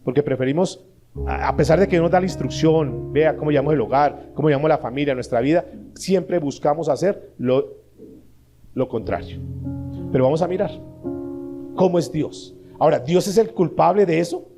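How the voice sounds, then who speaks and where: A man's voice: a little high, normal speed. A male pastor preaching a sermon, asking the congregation rhetorical questions and acting out short dialogues. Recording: live sermon with guitar music behind.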